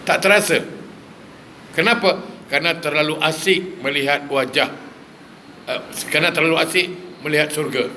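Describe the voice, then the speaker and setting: Preacher guy, kinda high bright voice, keeps throwing questions at the crowd. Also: normal speed, long pauses, a little hiss or hum. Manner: lively, fires rhetorical questions at the audience. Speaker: religious preacher. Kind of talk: sermon with humorous asides.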